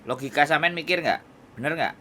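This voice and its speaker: A man's voice: on the high side, a little fast, bright, forceful tone, a little hiss or hum. A man with a Javanese accent giving firm advice over a phone call, lecturing and checking if he is understood. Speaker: advisor to migrant workers.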